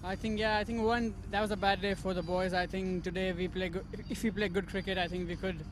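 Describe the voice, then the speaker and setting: A man's voice: sits high, level tone, a little fast. A man from Pakistan, a cricket player, answering interview questions outdoors, hesitant and repeating words.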